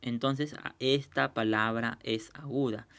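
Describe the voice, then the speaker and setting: A man teaching a recorded lesson, explaining patiently, checking understanding and slowing down to sound out example words. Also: medium pitch, fairly even intonation, fairly bright tone, smooth.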